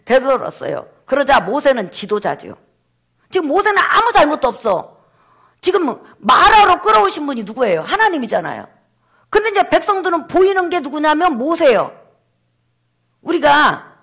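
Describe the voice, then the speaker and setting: A man's voice: very high voice, vocal fry, pushed and bright. A male pastor preaching a sermon in a church, acting out the voices of the people he quotes.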